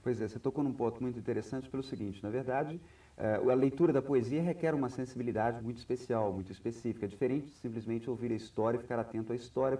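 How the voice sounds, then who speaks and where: A man's voice: medium pitch, dark tone. A man hosting a literary interview, asking long, framing questions and often affirming the guest. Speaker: host. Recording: distant mic, 1990s TV studio recording.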